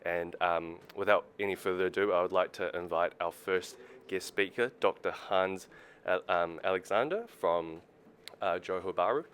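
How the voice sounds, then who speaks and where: A man with a very deep voice opens an event and introduces the guest speakers. He pauses often with ums, and faint background noise sits behind him. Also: a bit bright. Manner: hesitant, many ums. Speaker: company representative introducing speakers.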